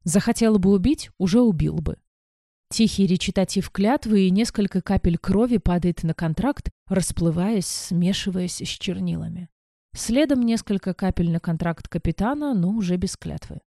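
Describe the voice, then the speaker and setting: A woman narrating a fantasy audiobook in the first person, in a measured, wry storytelling manner. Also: mid-range voice, warm tone, no echo, clean studio sound.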